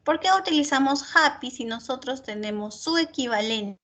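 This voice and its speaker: A woman's voice: high voice, moderate pace, fairly bright tone. A woman teaching a class, explaining patiently with spoken examples and constantly checking in with short tag questions. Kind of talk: online class lecture.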